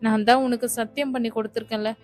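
A woman voicing a playful young woman who teases and reassures her lover, in a flat reading. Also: a little high, fast talker, soft background music, close to an everyday voice. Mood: teasing. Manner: teasing, reassuring. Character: young sweetheart Nila, mischievous and loving.

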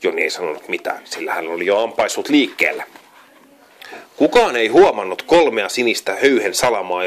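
A man reading a children's storybook aloud, often stumbling and correcting himself. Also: on the low side. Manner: frequent slips and self-corrections while reading. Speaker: reader.

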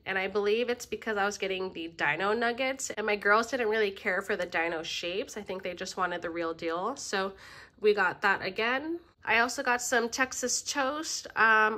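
Bright-voiced woman chatting through a grocery haul. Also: medium pitch. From Filipino family. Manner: relaxed, friendly, frequent "um" fillers. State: slightly under the weather. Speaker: vlogger showing a grocery haul. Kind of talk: casual chatty haul commentary. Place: home kitchen table.

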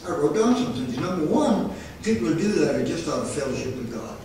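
A man's voice: fairly high pitch, sing-song, fairly quick, warm tone, slight background noise. A man preaching a sermon as pastor, in a folksy, emphatic way. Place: church sanctuary. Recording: echoey sanctuary, mic far off.

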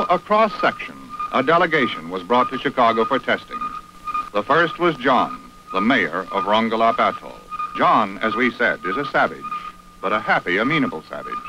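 A man's voice: mid-range voice, muffled recording. A man narrating a 1950s newsreel in a declamatory announcer style, played from an old newsreel. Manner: declamatory, sweeping announcer delivery.

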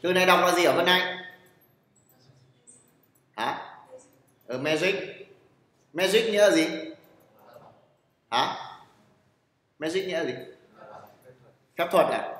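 A man lectures a class on programming, his voice sitting a little high. He is blunt and teasing, constantly checking whether the students follow and putting them on the spot. The room is echoey, and a long reverb trails behind each phrase. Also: slow, pauses often, fairly bright tone. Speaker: programming teacher.

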